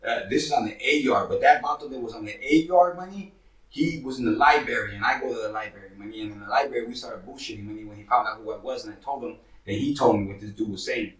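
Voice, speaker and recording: A man's voice: medium pitch, quick pace, fairly bright tone, roomy sound, recorded from a distance, poor audio. A man from Northern California in his forties, telling his own street stories in casual slang, often saying "money" and "you feel me.". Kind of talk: casual storytelling to camera.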